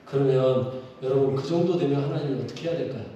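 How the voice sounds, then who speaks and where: A male pastor preaching a sermon during a church service, animated and full of rhetorical questions put to the congregation. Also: medium pitch, fast talker, lo-fi sound. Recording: echoey hall from far off, faint noise.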